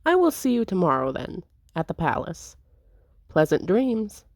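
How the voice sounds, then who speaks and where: A woman reading a visual novel aloud, voicing an imperious aristocratic countess with a haughty, measured, commanding manner. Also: lowish voice, big pitch swings, no echo, clean studio sound.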